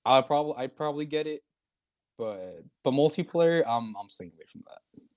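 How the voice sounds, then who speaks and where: A man co-hosting a casual gaming podcast, laid back and quick to laugh. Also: a little high, animated, a little mellow. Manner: laid-back, laughs often, says "bro". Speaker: podcast co-host.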